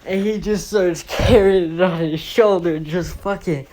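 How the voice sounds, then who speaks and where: A woman's voice: lowish voice, a little slow, warm tone. A woman telling a casual comic story, rambling and profane with many fillers and restarts.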